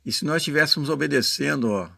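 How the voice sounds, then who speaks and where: Male lay preacher, Brazilian Portuguese accent; earnest, explanatory delivery, forceful tone with a gravelly creak. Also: a little high, quick pace, no echo, studio quality. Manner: earnest, explanatory, often adding short check-in tags to listeners. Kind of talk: informal sermon with passages read aloud.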